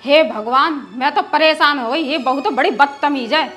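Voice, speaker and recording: A woman's voice: sits high, normal speed, fairly bright tone, soft background music. A woman playing an indignant rural mother-in-law who nags and scolds. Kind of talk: rural film drama acting.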